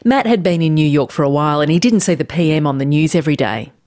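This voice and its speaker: A woman's voice: low voice, animated, fast talker, a little mellow. A woman hosting a radio science show, narrating a scripted story with dry asides.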